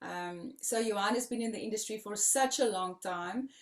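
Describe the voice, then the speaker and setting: A woman's voice: medium pitch, moderate pace, echoey room, recorded from a distance. Informal Afrikaans South African woman hosting. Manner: giggly, informal. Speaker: interview host. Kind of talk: casual bilingual video interview. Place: remote video call.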